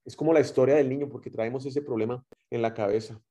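A man with a Guatemalan accent preaching a sermon, telling stories and swinging between loud emphatic phrases and quiet trailing ones. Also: mid-range voice, fairly even intonation, quick pace, muffled recording. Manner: storytelling with rising and dropping loudness.

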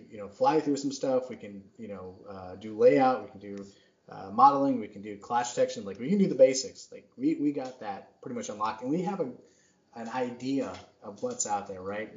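This is a man in his thirties with a lowish, slightly mellow voice, hosting a podcast as a casual chat. He rambles, pokes fun at himself, and fills his speech with fillers, all captured in a roomy, dull lo-fi recording.

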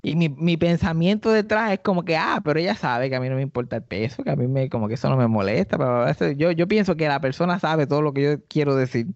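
Man, Puerto Rican accent, gravelly voice, fairly high pitch, lively storytelling, dry dull podcast sound. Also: fast talker, few pauses, dry recording. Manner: animated, acts out quoted people in high voices. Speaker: podcast host and stand-up comedian. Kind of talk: casual comic storytelling.

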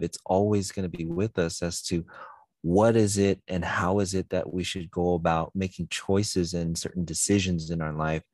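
A man's voice: low voice, a little mellow, dry recording. A man, a pastor, talking through a Bible passage in a thoughtful, searching way. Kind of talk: conversational Bible discussion.

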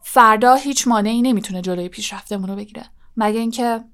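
A woman reading an audiobook aloud, voicing a keen, bossy teenage boy team captain who speaks in a brisk, encouraging way. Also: a little high, fairly bright tone. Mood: determined.

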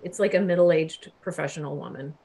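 A woman in her forties, a guest telling a story in casual chat, animated, laughing often and swearing freely. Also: deep voice, fairly quick, vocal fry.

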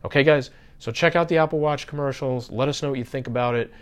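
A man's voice: mid-range voice, fast, smooth. A man hosting a podcast, talking casually about marketing to his listeners, with many fillers and restarts. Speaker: podcast host.

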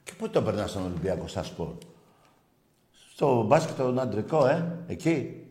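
Mocking sports talk host, lively voice. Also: male voice, on the low side. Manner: mocking, provocative, swears freely. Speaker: call-in sports show host. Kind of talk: sports radio rant. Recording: roomy echo.

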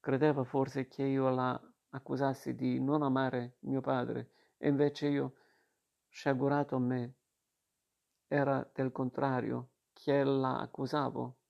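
A man reading a novel aloud in a slow, steady literary manner. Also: medium pitch, vocal fry. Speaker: reader. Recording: dull lo-fi recording.

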